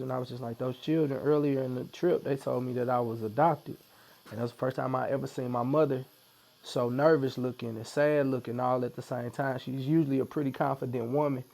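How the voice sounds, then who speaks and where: A man with a St. tells his story in a relaxed, chatty way. His voice has a gravelly edge, and he slips into the voices of the people he quotes. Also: medium pitch. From Missouri, USA. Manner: animated storyteller who acts out quotes. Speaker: podcast guest. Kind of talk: storytelling in casual conversation.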